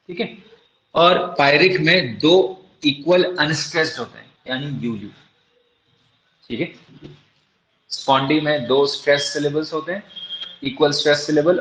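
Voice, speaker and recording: A man's voice: fairly high pitch, fairly bright tone, slight background noise. A male teacher giving a classroom lecture. He asks the class questions and answers them himself, and spells terms out letter by letter. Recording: echoey room, dull lo-fi sound.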